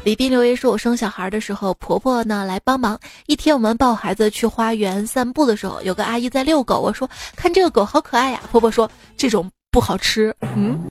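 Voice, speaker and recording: A woman's voice: on the high side, fairly quick, hardly any pauses. A woman radio host reading listener-submitted jokes in a chatty way, often laughing at them, recorded on a studio mic. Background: faint background music.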